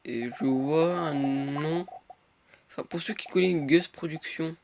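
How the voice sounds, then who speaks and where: Chatty teenage French gamer, slightly high voice. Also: male voice, steady tone, a little slow, gravelly, a little mellow. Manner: rambling, many fillers, mutters and swears at the game. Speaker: gaming youtuber. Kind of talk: casual gameplay commentary. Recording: noisy home recording.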